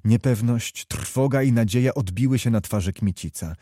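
Mellow-voiced male audiobook narrator. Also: medium pitch, normal speed, no echo, studio quality. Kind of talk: scripted literary narration.

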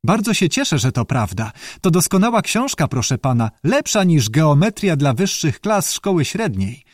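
A man's voice: fairly high pitch, big pitch swings, moderate pace, no echo, clean studio sound, pitched above the performer's own voice. A man voicing a courteous, bookish male newt who speaks earnestly and formally in an audiobook. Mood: courteous, eager. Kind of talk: audiobook character voice.

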